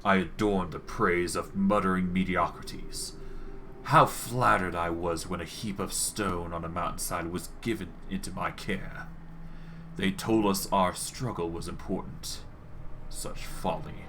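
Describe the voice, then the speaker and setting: A man's voice: low-pitched, bright, forceful tone, full character voice. A man voicing a proud, scornful old undead lich from a game, with a dry voice and pompous, formal delivery. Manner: pompous, slow-burning disdain, formal diction. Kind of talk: acted reading of video game dialogue.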